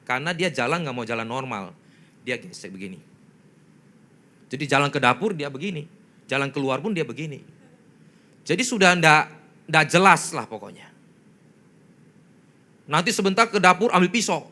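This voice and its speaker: Man, pastor, storytelling sermon, bright voice, chatty, acts out voices. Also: medium pitch. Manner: addresses listeners as "saudara", acts out voices and sounds in his stories; conversational with rhetorical questions.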